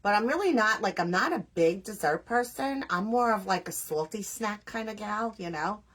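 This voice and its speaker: Woman, New York accent, husky voice, chatty host of a crafting stream. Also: mid-range voice, lively intonation, normal speed, a bit bright. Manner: chatty, scattered, self-deprecating, reads viewer names aloud. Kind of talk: casual chat with live viewers while crafting.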